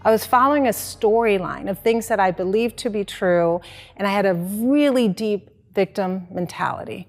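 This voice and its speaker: A woman's voice: mid-range voice, normal speed, long reverb tail, soft background music. A woman in her forties from the Dominican Republic, a life coach, telling her life story in an earnest, reflective way. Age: 40s. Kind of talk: personal story in an interview.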